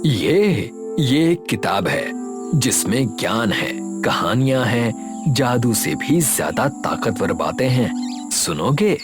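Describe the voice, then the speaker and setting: An actor playing a kind, patient doctor in an animated story, talking gently and reasonably, over background music. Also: male voice, mid-range voice, slow pace. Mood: gentle.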